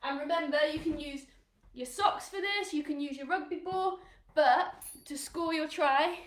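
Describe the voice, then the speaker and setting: A woman's voice: high-pitched, moderate pace, roomy sound. A woman from England coaching young children through a live online rugby skills session, upbeat and encouraging, counting down drills and sometimes out of breath. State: out of breath at times.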